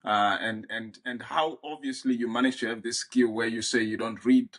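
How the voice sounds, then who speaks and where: A man's voice: medium pitch, fairly even intonation, normal speed, fairly bright tone. A man hosting an interview podcast, talking in a casual, friendly way with lots of hesitation and restarts. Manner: hesitant, many fillers and restarts, friendly laughs. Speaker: podcast host.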